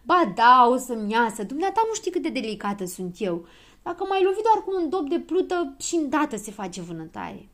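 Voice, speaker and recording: A woman voicing a fussy, vain little girl who complains loudly in a children's audiobook. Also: mid-range voice, very animated, few pauses. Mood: whiny. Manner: whiny and indignant.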